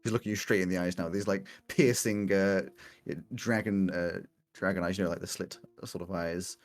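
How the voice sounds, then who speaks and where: A man narrating a tabletop game as game master, improvising in a jokey, animated way among friends. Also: sits low, moderate pace, soft background music.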